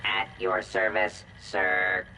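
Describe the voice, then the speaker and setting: A man's voice: lowish voice, little pitch movement, slow, bright, forceful tone, a little hiss or hum, heavily acted, low-quality recording. A man voicing a polite male butler robot in a video game, speaking in formal, deferential phrases. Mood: courteous. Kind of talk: video game character dialogue.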